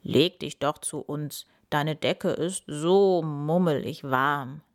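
A woman voicing a big, gentle male polar bear in a children's story, speaking low, cozy and drawn out. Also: slow pace.

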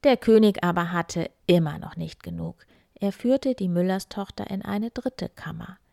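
A woman reading a fairy tale aloud in a slow, hushed, breathy voice. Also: lowish voice, no echo. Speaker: storyteller. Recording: dry close recording.

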